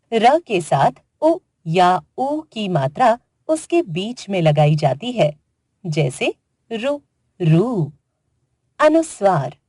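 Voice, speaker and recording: A woman narrating a children's grammar lesson in a slow, deliberate way, spelling out letters one by one. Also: mid-range voice, a little mellow, slightly rough, no room sound, studio quality. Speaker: grammar teacher. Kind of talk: scripted educational narration for children.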